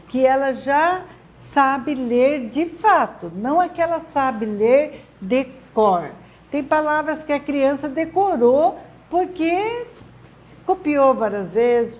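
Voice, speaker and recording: A woman with a high voice and a Brazilian Portuguese accent talks parents through reading games for children. She is encouraging and chatty, often checking in with a quick tag question. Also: darkish tone. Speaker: literacy teacher answering parents' questions. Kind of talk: friendly advice talk to parents.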